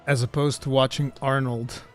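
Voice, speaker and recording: Faint music sits behind a Portuguese streamer whose English carries an American-sounding accent. At normal speed and medium pitch he reads viewer questions and chats casually, excitable, laughing often and using "dude" a lot.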